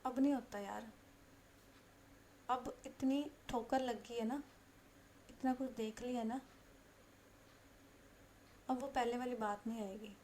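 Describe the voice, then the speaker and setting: A woman voicing a caring young woman in a told love story, speaking earnestly and softly. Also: fairly high pitch, fairly even intonation, slow, pauses often, a little hiss or hum. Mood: sad earnest. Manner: earnest, softened.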